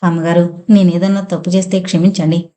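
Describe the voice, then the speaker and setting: A woman's voice: on the low side, flat delivery, brisk, mellow, natural voice. A woman voicing a young bride who speaks timidly and hesitantly through tears. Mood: tearful. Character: young bride, tearful maid of the house.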